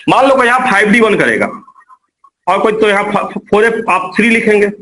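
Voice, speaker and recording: Male teacher, high voice, live classroom lecture, repeats and quizzes students. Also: sharp tone, slight background noise, poor audio. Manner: repetitive, coaxing, quizzes students. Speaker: chemistry teacher.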